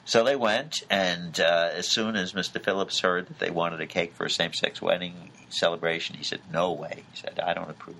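A middle-aged man explaining a court case in a measured way, with frequent filler sounds. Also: sits low, fairly even intonation, gravelly, pushed and bright, slight background noise, rough recording. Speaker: legal commentator. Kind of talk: conversational legal explanation.

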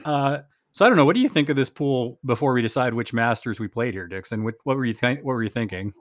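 A man's voice: mid-range voice, animated, fast talker, no echo, clean studio sound. A man hosting a casual chat that recaps a game, rambling and thinking aloud as he goes. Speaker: podcast host.

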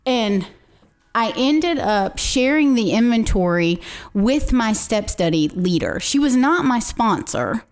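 A woman's voice: a little high, lively intonation, slow pace. A woman in her forties, a podcast guest earnestly sharing her recovery testimony. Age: 40s. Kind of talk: personal testimony in conversation.

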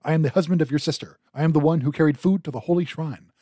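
A man's voice: on the high side, fast talker, warm tone, dry recording, studio quality, lightly acted. A man reading as a doomed shepherd god pleading. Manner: lamenting, formal incantatory reading.

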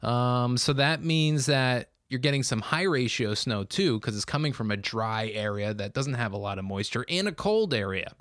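A man hosting a weather podcast, talking in a relaxed, conversational way with plenty of fillers. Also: medium pitch, normal speed, few pauses, no room sound, studio quality. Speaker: meteorologist podcast host. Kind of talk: casual chat.

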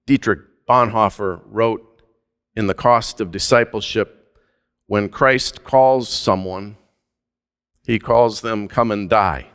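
Slow, smooth-voiced male preacher. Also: on the low side, fairly bright tone, long reverb tail. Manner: measured, deliberate preaching with slow emphatic phrases. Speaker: pastor. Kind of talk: sermon.

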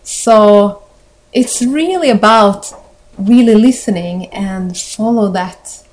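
A woman from Sweden with a Swedish accent, hosting a podcast and speaking in a thoughtful, gentle way with frequent pauses. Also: mid-range voice, rough recording. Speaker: podcast host. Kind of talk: reflective interview talk.

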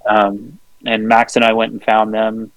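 Gravelly-voiced laid-back podcast guy. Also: lowish voice, monotone, a little slow, no room sound, rough recording. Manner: rambling, laid-back, swears freely with many fillers. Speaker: podcast co-host. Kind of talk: casual storytelling chat.

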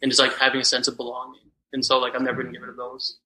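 A man's voice: mid-range voice, completely flat delivery, pushed and bright, echoey room, rough recording. A young man from Texas, a podcast guest, telling a story casually with many "like" fillers. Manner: rapid, filler-heavy with "like".

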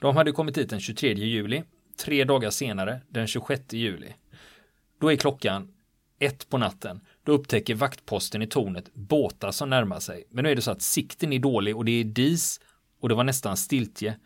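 A man of medium pitch tells a wartime story in a relaxed, conversational way. He retells it vividly, with plenty of drive, and slips into the quoted lines of the people in the story. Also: no room sound, clean studio sound. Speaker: storyteller recounting wartime history. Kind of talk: casual spoken history telling. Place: on the island where the events happened.

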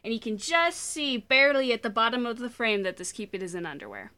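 A woman's voice: fairly high pitch, big pitch swings, quick pace, sharp tone. A woman co-hosting a casual fan podcast, enthusiastic and gushing, with playful interjections. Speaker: podcast co-host.

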